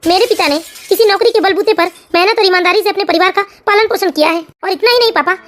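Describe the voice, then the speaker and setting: A woman's voice: very high voice, fast talker, a bit bright. A woman voicing a caring young son. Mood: earnest. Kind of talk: cartoon family story voice acting.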